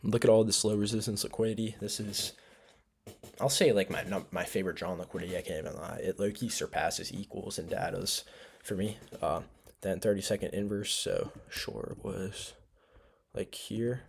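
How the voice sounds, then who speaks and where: A man's voice: fairly low pitch, steady tone, moderate pace, creaky, a little hiss or hum. A sleepy young man casually recapping his trades, rambling with lots of fillers and self-corrections. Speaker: trading vlogger. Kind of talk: casual screen-share recap.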